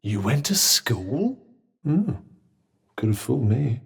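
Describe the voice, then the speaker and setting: Cuff, a wry British magical cuff. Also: male voice, mid-range voice, sing-song, takes it slowly, creaky, slightly rough, full character voice. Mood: dry sarcasm. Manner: wry, formal, articulate. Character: sentient magic cuff, urbane, dry-witted, sardonic male companion. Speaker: video game companion character. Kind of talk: scripted game dialogue.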